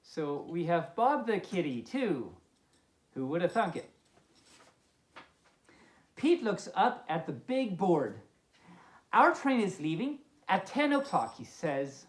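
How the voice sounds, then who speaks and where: A woman with a fairly low, sing-song voice reads slowly and pauses often, hosting a children's story time as a friendly pup. She slips in playful, amused asides, and the sound is roomy with noticeable echo.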